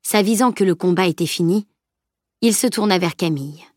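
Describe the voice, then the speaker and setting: A woman narrating an audiobook in a measured, even storytelling voice. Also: fairly low pitch, no room sound, studio quality.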